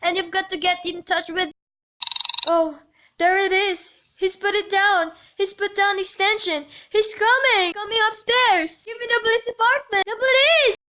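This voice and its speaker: A woman's voice: high voice, fairly even intonation, normal speed, pushed and bright, slight background noise. A teenage girl acting in a school radio play as a nervous, demanding bedridden woman alone in her house at night. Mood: panicked. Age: teens. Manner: fretful, insistent, rising to panic. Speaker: student actor.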